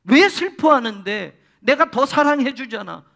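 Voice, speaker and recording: A fond, baffled husband, as a preacher acts him out, pressing his wife with question after question. The voice sits high and bright, coaxing rather than harsh. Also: expressive, a little slow, vocal fry, heavily acted. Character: doting, puzzled husband questioning his wife's tears.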